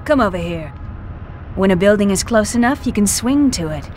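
A helpful, confident heroine played by a woman in a video game. She gives familiar tutorial instructions in a mid-pitched voice, with faint background noise. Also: expressive, moderate pace, a little mellow, natural voice. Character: confident, helpful female costumed ally.

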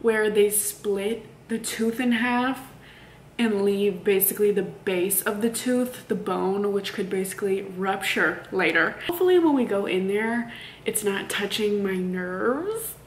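A young woman talks to her camera like she is catching up with friends. Her voice sits at an average pitch, and she is blunt and slangy, swearing freely. There is some faint noise behind her. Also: measured pace. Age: 20s. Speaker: vlogger. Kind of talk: casual vlog chat. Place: parked car and a room at home.

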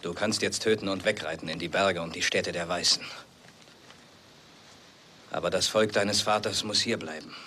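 A deep, solemn brother figure, noisy old soundtrack. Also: male voice, fairly even intonation, bright, forceful tone. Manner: solemn, measured. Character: Native man, grave brother of the hero. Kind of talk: film dub acting.

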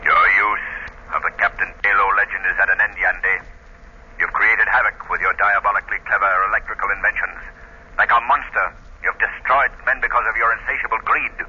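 An actor playing a grave, resolute crime fighter in a 1930s radio drama, authoritative, deliberate and theatrical. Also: male voice, on the low side, steady tone, slightly rough. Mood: stern, taunting. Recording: dull, noisy 1930s radio recording.

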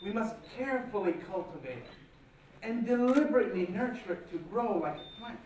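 A man giving a formal motivational speech in a deliberate, rehearsed-sounding way, in short measured phrases with dramatic pauses. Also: high voice, animated, a little mellow. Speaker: guest speaker at a speech competition. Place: large auditorium stage, indoors. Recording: very echoey hall, distant, faint noise.

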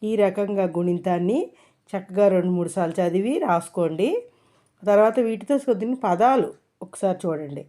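A woman teacher giving a children's spelling lesson, reading syllables and word lists slowly and deliberately. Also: medium pitch, dark tone.

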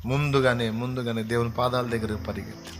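A man preaching a sermon with passion, swinging between loud pleading and hushed tones. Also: medium pitch, steady tone, quick pace. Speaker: pastor.

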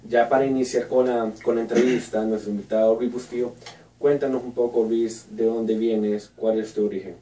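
Male radio host, soft dark tone, echoey distant studio sound. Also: medium pitch, steady tone, moderate pace, a little hiss or hum. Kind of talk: hosting an interview. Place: small radio studio with red wall. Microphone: boom mic at a desk, headphones on. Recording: echoey room, voice picked up from afar.

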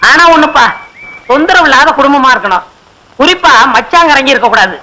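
A dim-witted, childish son with a very high voice, who complains and boasts of his bravery. The old film soundtrack carries a steady hiss. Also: fairly quick. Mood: naive.

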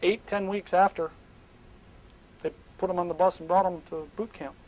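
A middle-aged man speaking at a live seminar on a small indoor stage, emphatic and animated, sometimes dropping to hushed asides. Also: high-pitched, normal speed, poor audio.

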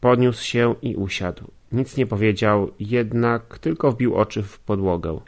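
A man reading a novel aloud as an audiobook, steady, with occasional slips he corrects. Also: on the low side, measured pace. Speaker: audiobook reader. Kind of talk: audiobook narration.

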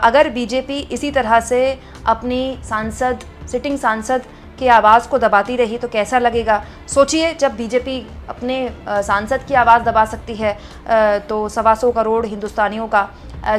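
A woman with a fairly high voice commentates on political news, reading out viewer comments and chatting with her audience as if they were friends, hesitating often.

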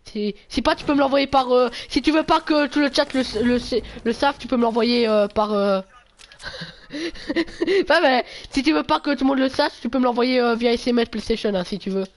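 A man's voice: very high voice, normal speed. Slangy, foul-mouthed streamer guy. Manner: slangy, swears a lot, bursts into loud yelps. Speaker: game streamer. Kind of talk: casual gameplay livestream chat.

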